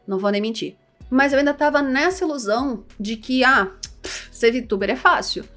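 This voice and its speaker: A woman's voice: high-pitched, moderate pace, faint music behind. A young woman from Rio de Janeiro with a Carioca accent, chatting animatedly and joking at herself in a casual vlog. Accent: Carioca Portuguese. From Rio de Janeiro, Brazil. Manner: animated, chatty, self-deprecating. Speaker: VTuber and content creator.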